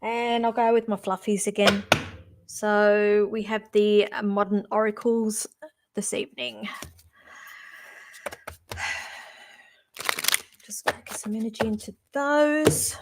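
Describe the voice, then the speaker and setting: A woman's voice: medium pitch, fairly even intonation, heavy background noise. A middle-aged woman giving a casual live-stream psychic reading, musing aloud and stopping and restarting as she talks. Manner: chatty, musing aloud, halting with restarts and fillers. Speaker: psychic reader.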